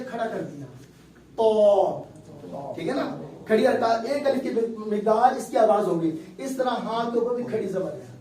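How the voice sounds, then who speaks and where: A man's voice: extremely high pitch, a little mellow, echoey room, recorded from a distance, slight background noise, low-quality recording. A male teacher giving a classroom lesson on Quran recitation, explaining step by step and quizzing his students.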